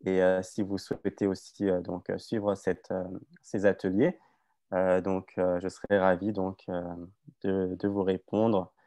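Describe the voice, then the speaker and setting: A man's voice: low-pitched, warm tone, no echo. A man informally presenting his organisation's events in an online meeting, hesitant and often restarting his phrases. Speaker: invited organisation representative. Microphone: video call.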